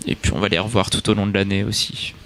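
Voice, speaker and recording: A man speaking slowly and hesitantly as a guest on a studio talk show. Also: on the low side, level tone, fairly bright tone, a little hiss or hum.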